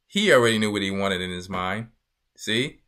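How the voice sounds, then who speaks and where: Speaking in a lowish, expressive voice with a sharp edge, this man delivers sermon-style Bible teaching at a normal pace. As a church elder he's emphatic, repeats phrases, and often asks his listeners "you see".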